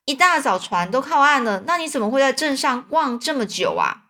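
Woman reading as excitable aunt, high, loud, dramatic, storybook. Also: fairly quick, full character voice. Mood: excited. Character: excitable fussing middle-aged aunt.

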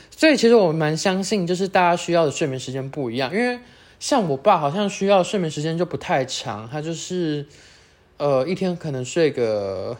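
Teen speaker, Taiwanese Mandarin accent, casual solo podcast chat, rambling, self-correcting. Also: medium pitch. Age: late teens. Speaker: podcast host.

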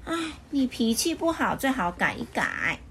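A woman's voice: on the low side, lively intonation, normal speed, slight background noise. A woman voicing a cheerful, friendly storybook man who is kind but easily wronged. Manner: friendly, pleading, then scolding.

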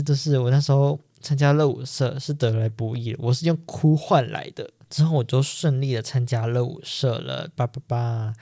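A man's voice: mid-range voice, gravelly, darkish tone, dry recording, clean studio sound. A young man with a Taiwanese Mandarin accent, hosting a podcast and telling a personal story in an earnest, emphatic way that repeats things for stress. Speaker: podcast host.

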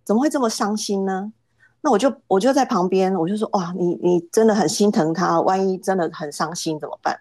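A woman's voice: mid-range voice, brisk, a little mellow, dry recording. A middle-aged woman, a podcast guest telling a family story casually, hesitant, often repeating words as she starts.

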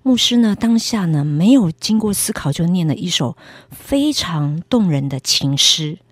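A woman with a slightly husky voice tells her faith testimony as a guest. She speaks earnestly, at a middle pitch, and acts out the quoted lines as she goes. The sound is dry and close. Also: lively intonation, unhurried, no room sound. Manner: earnest storytelling with acted quotes. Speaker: evangelist guest.

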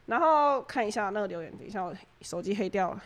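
A woman's voice: mid-range voice, animated, fast. A young woman with a Taiwanese Mandarin accent, co-hosting a podcast in casual chat and telling stories between bursts of laughter. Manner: chatty storyteller, often breaks into laughter. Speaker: podcast co-host.

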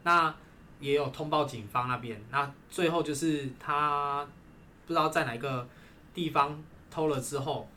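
A man's voice: a little high, moderate pace. A man, casually telling stories from his gym job, often agreeing with "对". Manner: relaxed storytelling with frequent "对". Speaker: gym employee sharing stories. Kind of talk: casual podcast chat. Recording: faint background noise.

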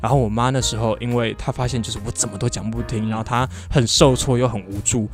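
Brisk, expressive man. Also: medium pitch, soft background music. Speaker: podcast co-host. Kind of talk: casual chat.

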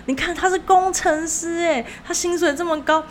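A woman voicing a flustered young female coworker who talks in a rushed, panicky way. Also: extremely high pitch, steady tone, a little hiss or hum, voice pushed up. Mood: eager.

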